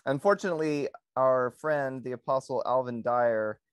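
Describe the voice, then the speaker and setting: A man co-hosting a podcast in casual conversation, pausing often with ums and restarting his sentences. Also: mid-range voice, clear, resonant tone, no room sound, studio quality. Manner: hesitant, many ums and restarts. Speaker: podcast co-host.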